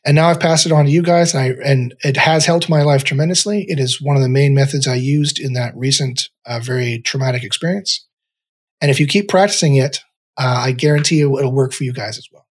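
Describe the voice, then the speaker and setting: Husky man guiding a meditation. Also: medium pitch, steady tone, fairly quick. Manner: rambling, searching for words, repeats himself. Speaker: podcast guest.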